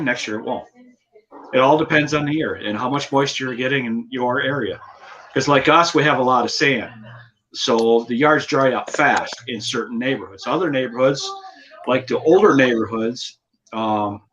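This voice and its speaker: A man's voice: medium pitch, bright, forceful tone. An American man explaining things casually as a lawn care worker in a live chat. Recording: dull lo-fi audio, faint noise.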